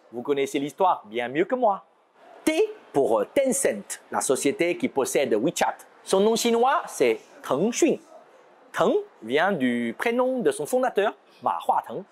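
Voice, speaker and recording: Lively man. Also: fairly high pitch. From China. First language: Chinese. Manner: lively explaining with playful asides. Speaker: show host. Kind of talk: scripted educational presentation.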